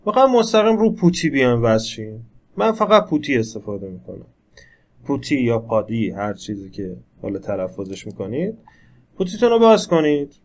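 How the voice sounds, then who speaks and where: Male instructor, middle pitch, relaxed conversational delivery, narrating each step of a screen-recorded tech lesson. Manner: conversational, explains step by step while operating the computer.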